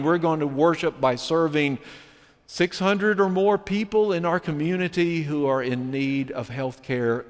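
A man preaching a sermon as pastor, alternating emphatic points with slow, weighty scripture reading. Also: fairly high pitch. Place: church sanctuary. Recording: long reverb of a church sanctuary.

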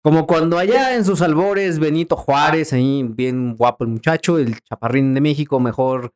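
A man's voice: on the high side, normal speed, darkish tone. A man with a Mexican accent co-hosting a comedy podcast, joking, swearing and laughing often. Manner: jokey, profane, laughs often. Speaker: podcast co-host. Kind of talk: casual crude comedy chat.

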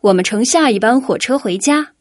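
An excitable, cheerful man traveler, as a woman reader puts him on, bursting out with loud, eager lines. His voice sits higher than the narration around him. It is a children's storybook reading in a dry room. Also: normal speed, no echo. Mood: excited.

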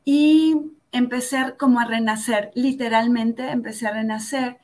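A woman's voice: a little high, fairly even intonation, darkish tone. A woman, a yoga instructor telling her story in an interview, earnest and reflective, often tagging her phrases with "¿no?". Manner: earnest and reflective, tags phrases with "¿no?", slows down for emphasis. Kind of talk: personal testimony in an interview.

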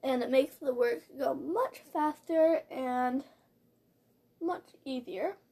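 High-voiced woman chatting through a casual tutorial. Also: slow, warm tone. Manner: chatty, informal, step-by-step narration while doing makeup. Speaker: host of a makeup tutorial show. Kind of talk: casual spoken makeup tutorial. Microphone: built-in device mic rather than usual microphone. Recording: plain laptop-style mic, no studio microphone.

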